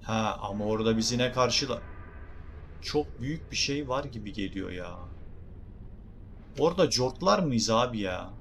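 Excitable Turkish gaming streamer. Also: male voice, mid-range voice, moderate pace, pauses often, a little hiss or hum. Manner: excitable, jokey, talks to viewers. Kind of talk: game commentary.

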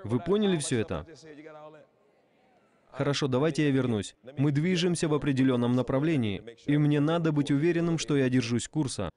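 A man's voice: medium pitch, animated, fairly quick, darkish tone. A man voicing a preacher's sermon in a dub, repeating phrases and asking the audience rhetorical questions. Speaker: voice-over translator of a preacher. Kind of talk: dubbed sermon.

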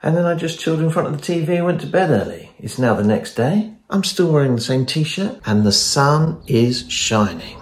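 A man's voice: on the high side, sing-song, normal speed, hardly any pauses. Chatty London man vlogging at home. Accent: British English (London). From England. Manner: rambling, self-deprecating, chatty. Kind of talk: casual self-filmed vlog. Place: home rooms, indoors. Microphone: phone camera at arm's length.

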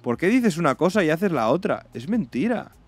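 A man's voice: sing-song, moderate pace, no echo. A young man from Spain with a Spanish accent, reacting to a video in casual, blunt commentary full of slang and swearing. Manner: blunt, slangy and swearing, mocking others in shrill put-on voices. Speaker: reaction streamer.

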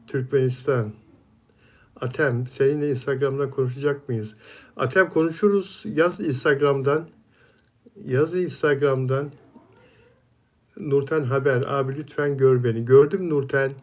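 Guy on a live stream reading out chat msgs, friendly and chatty, mid pitch, answers ppl by name. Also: darkish tone. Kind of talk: casual live chat, reading viewer comments aloud.

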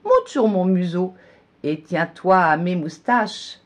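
A woman voicing a sly, deceitful male fox in a storybook reading, speaking slowly and sweetly to coax. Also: on the low side, expressive, voice pushed up.

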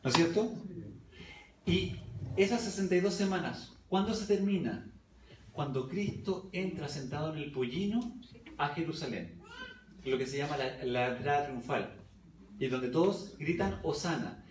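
A man preaching in a fairly high voice, recorded from a distance in an echoey church hall. He reads verses aloud and keeps asking the congregation questions. Faint background noise sits under the recording. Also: lively intonation, normal speed, long pauses, a little mellow. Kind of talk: Bible study sermon.

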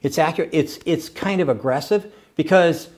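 A man's voice: a little high, moderate pace. An older man hosting a casual interview, talking in an enthusiastic, rambling way and stumbling over repeated words. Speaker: host.

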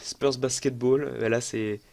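A young gaming YouTuber thinks aloud through a football management game, chatty, excitable and self-mocking in casual let's-play style. His medium-pitched voice is slow and creaky.

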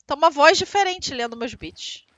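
A woman co-hosting a casual gameplay livestream, chatting quickly with her partner and the chat. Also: sits high, expressive, a bit bright, no echo. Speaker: streamer, co-host.

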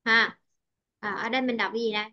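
A Vietnamese woman with a high, bright-pitched voice tutors English pronunciation one-on-one, patiently repeating and checking that her student follows. The sound is dull and lo-fi, like a call. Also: steady tone, fast. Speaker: English teacher.

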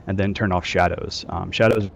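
This squad trainer guides players through a game training session on group voice chat, loosely directing them with frequent fillers. His low voice has vocal fry and fairly even intonation at a normal pace, with slight background noise.

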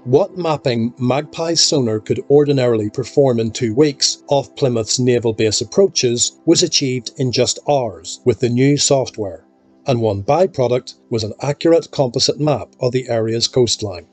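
Husky-voiced man narrating a technical documentary. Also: mid-range voice, a little mellow. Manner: measured, technical, explanatory. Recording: voice-over with faint music behind.

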